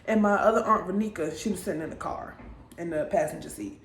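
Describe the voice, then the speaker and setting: A woman's voice: lowish voice, fast, a little hiss or hum. A young woman in her twenties telling a personal story to camera in a casual, conversational way, checking in with viewers with little asides. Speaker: vlogger. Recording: roomy echo.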